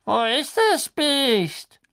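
A man voicing an old male committee member with a thin, high voice. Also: very animated, very slow, vocal fry, fairly bright tone, exaggerated voice. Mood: indignant. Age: older.

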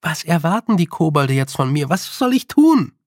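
A man's voice: a little high, sing-song, normal speed, a little mellow, no room sound, clean studio sound. A man voicing a stubborn young girl who keeps asking questions, in an audiobook. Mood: insistent. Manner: insistent, questioning.

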